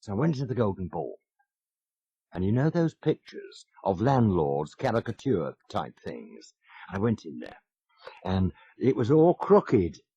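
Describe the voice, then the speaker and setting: A man's voice: fairly low pitch, wildly swooping pitch, measured pace, mellow, husky, dry recording. A man in his fifties telling wry, self-mocking stories as a radio presenter, chuckling as he goes. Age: 50s. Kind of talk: anecdotal radio chat. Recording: muffled old radio broadcast.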